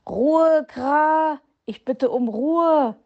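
Woman voicing a pompous croaking raven elder. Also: on the high side, lively intonation, unhurried, dull audio. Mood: commanding. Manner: croaks, calls for order.

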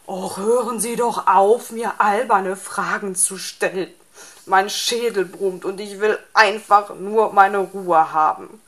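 Lady doing a cocky storybook fox guy, grumbly and proud, kinda low and slow. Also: expressive. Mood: grumpy. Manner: grumbling, self-pitying. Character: boastful sporty male fox, easily offended.

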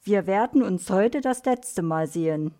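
A woman's voice: mid-range voice, expressive, a little slow, warm tone, close to an everyday voice. A woman voicing a serious, kindly female guardian spirit who speaks earnestly in a storybook.

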